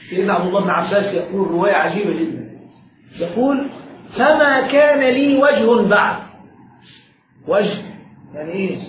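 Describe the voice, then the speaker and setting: A man's voice: high-pitched, slight background noise. A man, a sheikh, explaining a religious text step by step and quizzing the seated students in front of him. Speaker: sheikh teaching a religious lesson. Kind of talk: classroom lesson explaining a text. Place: lesson room with seated listeners. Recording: echoey room, dull lo-fi sound.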